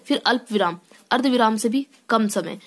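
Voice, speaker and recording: Hindi teacher explaining step by step. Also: female voice, fairly high pitch, normal speed. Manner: explains step by step with frequent "theek hai" check-ins and restarts; reads sentences aloud then explains them. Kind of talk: classroom lesson explanation.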